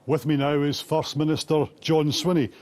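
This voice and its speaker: A man's voice: fairly high pitch, level tone, normal speed, background noise. A man presenting broadcast news and putting direct, challenging questions as a political interviewer.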